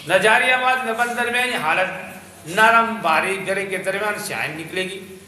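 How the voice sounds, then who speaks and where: A man's voice: sits high, pushed and bright, slight background noise. A man teaching Quran recitation to a class, explaining patiently and methodically and modeling each phrase in a chant. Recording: roomy class recording.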